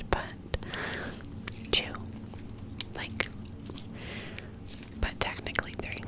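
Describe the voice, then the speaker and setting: A woman hosting an ASMR ramble in a breathy, cupped-hand whisper, lingering on and repeating words. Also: poor audio. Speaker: ASMR host.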